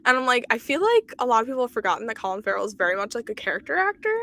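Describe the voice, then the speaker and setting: A young woman co-hosting a casual podcast, gushing with eager enthusiasm and chiming in to agree. Her voice is on the higher side. She talks in a loose, conversational way. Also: sing-song, racing, sharp tone. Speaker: podcast co-host. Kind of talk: casual chat.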